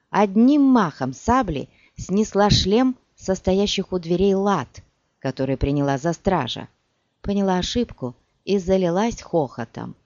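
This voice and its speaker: A man reading a fantasy audiobook aloud in an animated storytelling manner. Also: high voice, dry recording. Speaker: audiobook narrator. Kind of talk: scripted fantasy narration. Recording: dull dry lo-fi recording.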